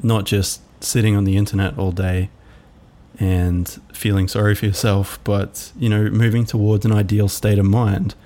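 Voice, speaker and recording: Low, flat-voiced man musing. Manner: musing, halting, many fillers. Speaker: podcast host. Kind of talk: reflective solo podcast monologue.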